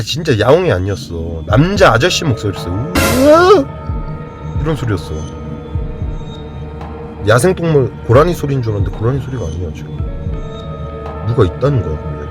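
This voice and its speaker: A man exploring an empty school at night with friends, talking in a jumpy, nervous way and swearing often. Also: medium pitch. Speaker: vlogger exploring a closed school. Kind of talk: casual night exploration vlog.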